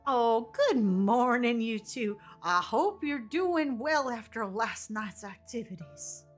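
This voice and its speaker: A woman voicing a kindly, motherly old tea shop keeper in a video game, gentle and a little hesitant. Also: on the high side, lively intonation, slow, soft background music. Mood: pleasant, hesitant. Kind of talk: amateur character voice while reading a game aloud.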